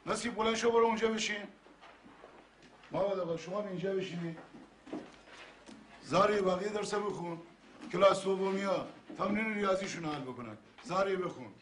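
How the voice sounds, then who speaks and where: An actor playing a firm village schoolteacher who is polite to guests and gives sharp orders to his pupils in a film drama. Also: high-pitched, long pauses, reverberant, a little hiss or hum, rough recording. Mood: stern. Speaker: teacher.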